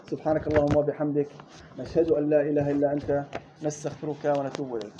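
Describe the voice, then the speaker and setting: A man teaching Quran recitation rules, demonstrating words slowly and correcting mistakes curtly. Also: on the high side, flat delivery. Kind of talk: tajweed lesson with drills and reading aloud. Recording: dull lo-fi recording with faint hiss.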